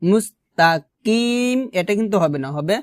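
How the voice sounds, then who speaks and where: A man teaching how to recite verses, drawing out syllables slowly and repeating each sound for the listener to copy. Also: high-pitched, no room sound, studio quality. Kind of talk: recitation lesson.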